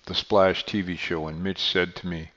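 A man's voice: low voice, flat delivery, normal speed, bright, forceful tone. An older man hosting his podcast in a rambling, self-correcting way, his voice carrying a heavy echo like a canyon. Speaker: podcast host and beekeeper. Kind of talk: casual solo podcast talk. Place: unfamiliar studio room. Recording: long echoing reverb, dull lo-fi sound.

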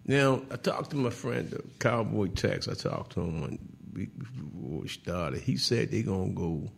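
Gravelly-voiced man hosting a sports talk show. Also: fairly low pitch, measured pace. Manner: animated, laughing, teasing rival fans; repeats words and restarts often. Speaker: host.

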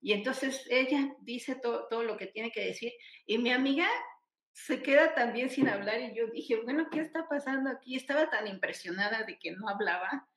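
A woman's voice: a little high, moderate pace, fairly bright tone. A woman casually retelling a personal experience, acting out the quoted dialogue and often restarting her sentences. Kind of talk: casual spoken storytelling in a live chat. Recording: echoey room.

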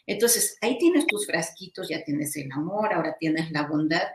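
A woman's voice: low voice, moderate pace, slight background noise. A woman hosting a casual, reflective conversation, often asking "¿no?" and laughing as she talks. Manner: reflective, animated, with laughs and filler "¿no?". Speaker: host. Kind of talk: casual chat. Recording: roomy echo.

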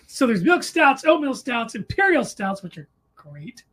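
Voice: mid-range voice, big pitch swings, measured pace, a bit bright, slightly rough. A podcast co-host chatting casually over beers, rambling through anecdotes and correcting themselves as they go.

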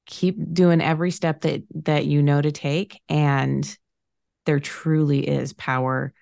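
Low gravelly woman in her late thirties. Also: flat delivery, no room sound, clean studio sound. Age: late 30s. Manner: warm affirming, drawn-out phrasing with fillers. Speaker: podcast host, financial planner. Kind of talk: casual conversation.

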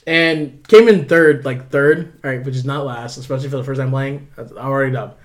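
A man's voice: medium pitch, a little fast. A young man in casual chat as a podcast co-host, talking like a frat bro, with lots of slang and swearing.

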